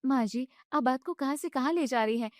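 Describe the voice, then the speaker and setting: A woman voicing a young newlywed daughter-in-law who argues back in a high, exasperated voice. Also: a little fast, dry recording, clean studio sound, natural voice. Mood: indignant. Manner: high, protesting complaints.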